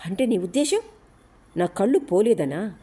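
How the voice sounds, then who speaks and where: A woman's voice: mid-range voice, lively intonation, normal speed, mellow, breathy edge, voice pushed up. A woman voicing a blinded male police officer who insists and pleads under threat. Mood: indignant.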